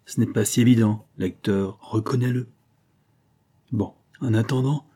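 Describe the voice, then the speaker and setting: Brief: male audiobook reader, first-person crime story, dark husky tone. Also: lowish voice. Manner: colloquial, wry slangy delivery. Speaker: audiobook narrator.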